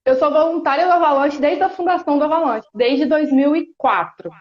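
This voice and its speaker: Speaking high, the Brazilian guest from Espírito Santo, a woman in her thirties, reflects earnestly on a casual live stream, often stopping and starting over. Her accent is Brazilian Portuguese from that state. Audio is dull and roomy, picked up by a phone or laptop on a video call.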